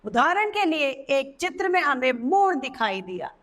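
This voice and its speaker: A woman teacher narrating a children's language lesson, slow and emphatic, stressing key words in a sing-song way. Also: high-pitched, sing-song, fairly bright tone. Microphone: voice-over.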